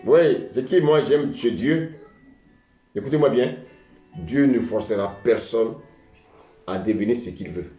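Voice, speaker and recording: A man's voice: medium pitch, measured pace, pauses often, warm tone, echoey room, soft background music. A man preaching a sermon as pastor, often saying "beloved" and calling for the congregation's answer. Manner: preaching with call-and-response; repeats "bien aimé" often.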